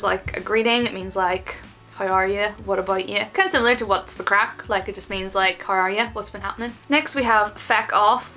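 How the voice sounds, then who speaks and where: Female Northern Irish video host, bright forward voice, informal explainer with acted-out examples, faint music behind. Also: medium pitch. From Northern Ireland. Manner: informal, acts out short example exchanges. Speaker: host of an online video channel. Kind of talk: casual, chatty explainer of slang.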